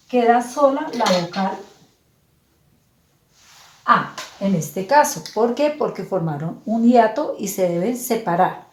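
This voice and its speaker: A woman teacher explaining grammar slowly and patiently, spelling out words syllable by syllable. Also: on the high side, reverberant. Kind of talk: slow, clear classroom explanation.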